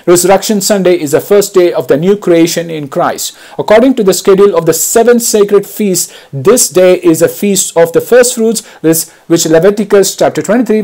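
High-voiced man giving a slow homily. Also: a little mellow. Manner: slow, deliberate preaching, reading scripture aloud. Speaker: priest. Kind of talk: Easter homily.

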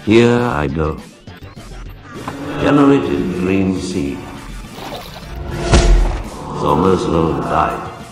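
A male text-to-speech robot voice reading viewer messages in a flat, evenly paced computer delivery. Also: low-pitched, very slow, long pauses, music in the background. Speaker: donation message reader. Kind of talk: synthetic read-out of viewer messages.

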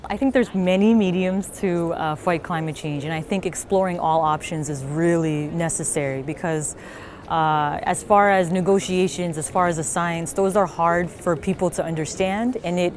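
Earnest young woman poet, low voice. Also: moderate pace, a little mellow, slight background noise. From Marshall Islands. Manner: earnest and reflective, some fillers. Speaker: poet and climate activist. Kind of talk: interview and spoken word poetry. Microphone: close camera, studio interview. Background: music.

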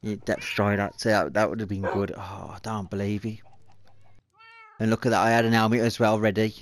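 Low-voiced man muttering over his game. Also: flat delivery, a little fast. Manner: muttering to himself, exasperated, swears when frustrated. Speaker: gaming video host. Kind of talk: let's-play game commentary.

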